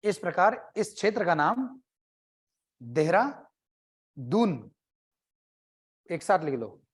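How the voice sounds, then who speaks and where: A male coaching teacher gives an exam-prep lecture. He keeps it loose and conversational, firing quick questions at the class and slipping in jokes between the facts. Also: high-pitched, sing-song, breathy edge. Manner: conversational, quizzes students and jokes.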